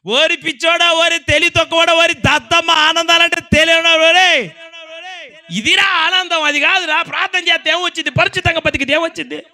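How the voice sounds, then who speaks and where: Casual: pastor doing a loud mocking guy, high and taunting, yelling at church folks. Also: steady tone, normal speed, exaggerated voice. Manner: jeering, taunting. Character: scoffing man mocking the faithful.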